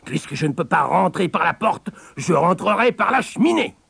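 Storybook big bad wolf, sly and hungry, high drawn-out coaxing, man reading aloud. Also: animated, creaky, a bit bright, husky, heavily acted. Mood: threatening. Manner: coaxing then roaring.

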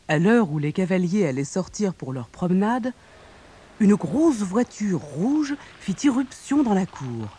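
A narrator reading a children's storybook aloud in a calm, steady way. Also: mid-range voice, a little slow, a little hiss or hum. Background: faint music.

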